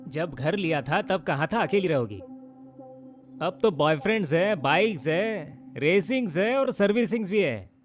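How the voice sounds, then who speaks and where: A man's voice: sits high, expressive, unhurried, soft background music. An actor playing a nosy, sarcastic middle-aged landlord in a dubbed film, mocking his tenant over late rent.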